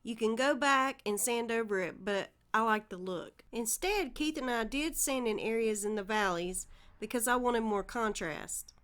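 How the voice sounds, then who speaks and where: A Southern woman who runs a DIY channel narrates a home project in a warm, step-by-step instructional voice-over. Her pitch is fairly high and a bit bright, and she talks at a normal speed.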